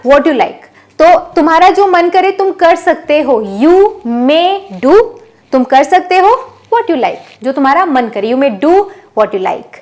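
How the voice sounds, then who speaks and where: A woman teaching spoken English in Hindi, explaining each sentence slowly and repeating it several times. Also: sits high, darkish tone.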